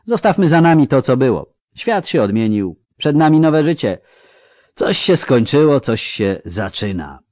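A man voicing a traveler by a campfire who makes an earnest, somewhat halting speech to his companions. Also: mid-range voice, very animated, darkish tone, dry recording, studio quality, pitched above the performer's own voice. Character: middle-aged male traveler, awkward but earnest.

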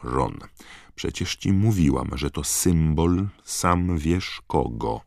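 A man's voice: very deep voice, animated, slow pace, vocal fry, a little mellow, dry recording, clean studio sound, voice pushed up, heavily acted. A man voicing a clever, indignant teenage girl who lectures and insists, in an audiobook. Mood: lecturing.

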